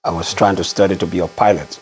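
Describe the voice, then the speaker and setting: Middle-aged Liberian pastor, very deep voice, unhurried interview answers. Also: male voice, steady tone, darkish tone, soft background music, poor audio. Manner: measured storytelling, frequent "uh" pauses. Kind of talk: conversational interview.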